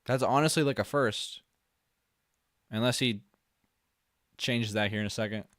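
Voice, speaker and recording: A man streaming live, reacting to a video with excitable, swearing, joking commentary. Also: medium pitch, unhurried, dry recording, clean studio sound. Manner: excitable, swears, laughs and jokes a lot.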